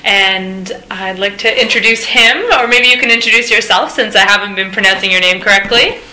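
A woman's voice: medium pitch, steady tone, fairly quick, echoey room, very noisy. A woman hosting an interview, speaking fluently and in a friendly way. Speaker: host, public engagement officer.

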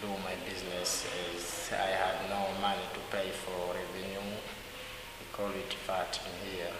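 A man from Dar es Salaam with a Tanzanian accent and non-native English phrasing, answering interview questions conversationally. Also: deep voice. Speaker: interviewee, hospitality student. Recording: echoey hall, hissy background noise.

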